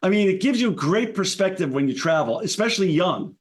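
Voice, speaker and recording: A man's voice: high voice, expressive, brisk, slight background noise. A man from New York City hosting a podcast interview, enthusiastic and conversational with small restarts. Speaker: podcast host. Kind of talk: podcast interview with read sponsor ads.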